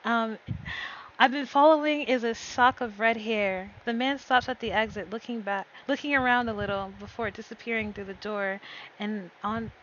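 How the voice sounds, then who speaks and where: Bright-voiced woman reading a story aloud. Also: on the high side, normal speed. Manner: reads in a lively way, often stumbling and correcting herself. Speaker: streamer reading a visual novel aloud. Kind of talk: first-person story narration on stream. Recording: slightly dull with faint noise.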